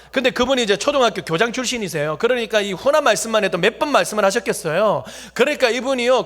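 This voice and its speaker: High-voiced preacher. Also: male voice, a bit bright. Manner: jokey, talks directly to the congregation. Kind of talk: humorous sermon storytelling. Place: church sanctuary.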